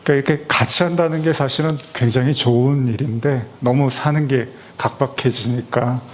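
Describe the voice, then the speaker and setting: A man's voice: mid-range voice, steady tone, fairly quick, a little hiss or hum. A middle-aged male pastor delivering a Christmas sermon in a conversational, storytelling way with frequent fillers.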